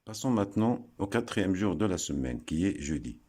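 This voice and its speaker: A man giving a slow, deliberate lesson, breaking words into syllables and pausing often. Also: sits low, sing-song, dark tone. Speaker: teacher explaining word origins.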